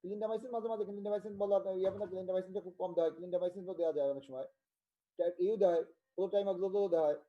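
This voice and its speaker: A man from Bangladesh giving an online medical tutorial, talking haltingly and repeating himself as he checks in with students. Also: sits high, fairly even intonation, muffled recording. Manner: halting, repetitive, with many restarts and check-ins. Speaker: medical lecturer.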